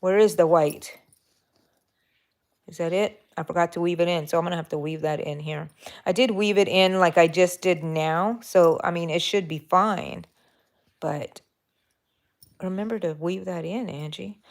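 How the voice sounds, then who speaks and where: This Texan crochet host has a lowish voice and a moderate pace, pausing often. Streaming live and casually from her bedroom, she chats, thinks aloud over her work and talks to her yarn.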